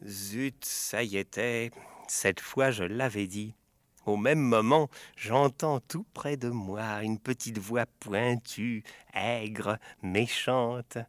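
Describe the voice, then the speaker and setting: A man narrating a storybook tale in an expressive, theatrical way. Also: lowish voice, slow pace, no echo. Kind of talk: storybook reading. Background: faint music.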